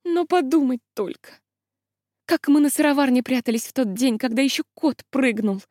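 A woman voicing a romantic, excitable young maid in a country pageant, chattering breathlessly with gasping exclamations. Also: high voice, normal speed, no room sound, clean studio sound. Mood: excited, gossipy. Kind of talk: acted audiobook reading.

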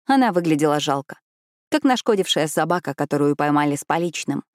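A woman narrating a novel in the first person, with measured, dramatic storytelling. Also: low voice, lively intonation, no echo, clean studio sound. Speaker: audiobook narrator.

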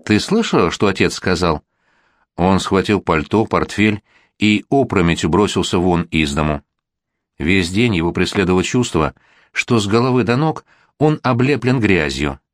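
A man narrating an audiobook in a steady, even voice. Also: sits low, no echo, clean studio sound.

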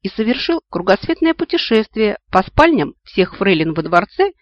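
A man doing a shrill preachy old elf granny ghost. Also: big pitch swings, normal speed, no room sound, dull audio. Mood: scolding. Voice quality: shrill, moralizing.

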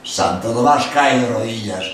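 Older Spanish priest in an echoey hall. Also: male voice, medium pitch, moderate pace. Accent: Spain Spanish. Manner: animated, acts out quotes, emphatic asides. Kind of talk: religious lecture. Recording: echoey hall from far off with faint noise.

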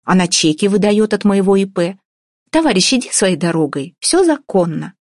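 A woman's voice: mid-range voice, expressive, moderate pace, a little mellow, no room sound, studio quality. A woman reading an audiobook, voicing a pushy, sarcastic young woman who argues with everyone. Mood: indignant. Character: brash feisty young woman, gingerbread seller.

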